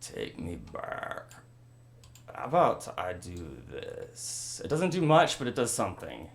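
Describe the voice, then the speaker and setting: A man's voice: mid-range voice, wildly swooping pitch, normal speed. A young man in casual chat as a chess show co-host, joking and thinking aloud as he plays. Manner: joking, rambling, thinks aloud about moves. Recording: roomy room, faint noise.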